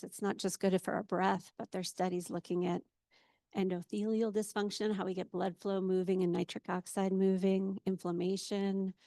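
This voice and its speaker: A woman clinician on a panel, explaining her practice in a steady way. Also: mid-range voice, gravelly, no room sound, studio quality. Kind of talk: panel talk.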